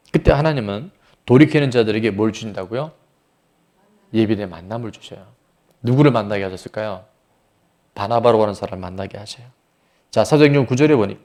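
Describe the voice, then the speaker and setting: A man's voice: medium pitch, a little mellow. A man pastor preaching a sermon, asking the congregation questions and acting out voices from the story. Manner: asks the congregation questions and acts out quoted voices.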